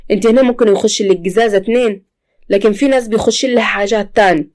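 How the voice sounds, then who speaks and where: A woman's voice: mid-range voice, quick pace, a little mellow, natural voice. A woman voicing a stern, threatening male police officer in a storybook tale. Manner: menacing, interrogating.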